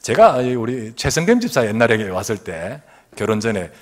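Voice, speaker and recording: A middle-aged man delivers a sermon as pastor inside a church sanctuary, speaking at a moderate pace in a mid-range voice. His storytelling is animated and full of laughter, and he performs the voices of those he quotes.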